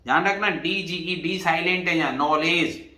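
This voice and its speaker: A man's voice: a little high, moderate pace, pushed and bright, reverberant. A man teaching an exam revision lesson, explaining patiently and spelling words out letter by letter. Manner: addresses students as "bhai".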